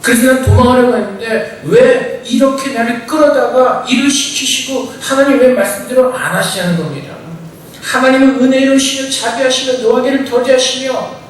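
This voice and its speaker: A man preaches a sermon in a casual, conversational tone, his voice sitting high. He is picked up from a distance, so the sound rings through a large reverberant church hall. A faint hiss and low rumble run underneath. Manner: conversational preaching with colloquial asides and acted quotes. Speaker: pastor. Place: church sanctuary. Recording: echoey church from far off.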